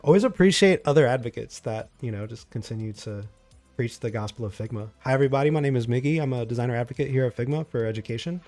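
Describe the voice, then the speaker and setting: A man hosting a casual group livestream, laid-back and quick to laugh. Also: medium pitch, darkish tone, faint music behind. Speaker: livestream host.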